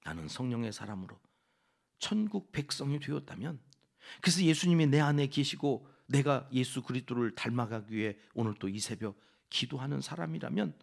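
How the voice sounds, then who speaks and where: A man preaching a dawn prayer sermon in a church, with a Chungcheong Korean accent, dropping from loud exhortation to hushed whispered asides. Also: medium pitch, expressive, normal speed, vocal fry. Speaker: pastor. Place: church sanctuary.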